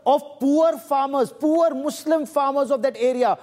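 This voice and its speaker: Indian guy hosting a tv news debate, really high voice, pushy, keeps cutting in with questions. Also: unhurried, darkish tone. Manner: insistent, interrupting, rhetorical questioning. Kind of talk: live TV debate moderation.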